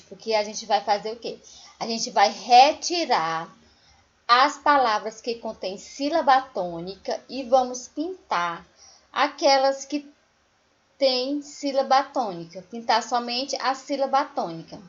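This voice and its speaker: Slow patient teacher woman. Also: on the high side, lively intonation, dull audio. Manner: slow, patient explaining, sings example words drawn out. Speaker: primary school teacher. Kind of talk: recorded remote lesson for children.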